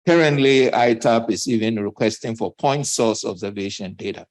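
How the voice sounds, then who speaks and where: A man speaking as a panelist at a conference, a bit out of breath, halting with many fillers. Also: fairly low pitch, a little mellow, low-quality recording. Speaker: panelist from a development bank.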